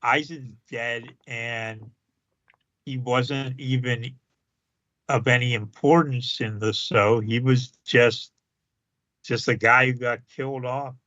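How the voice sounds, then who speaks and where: A man co-hosts a podcast at an unhurried pace, stumbling through fillers and restarts. His voice sounds a little dull and lo-fi, close and dry. He chuckles often as he talks. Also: mid-range voice, steady tone, fairly bright tone, dry recording. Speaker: podcast co-host. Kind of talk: casual podcast chat.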